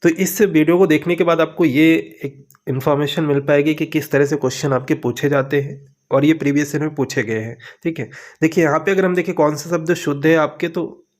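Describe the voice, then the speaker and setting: A man teaching an exam preparation lesson, walking through questions with steady, repetitive coaching and frequent check-ins. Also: fairly high pitch, a little fast.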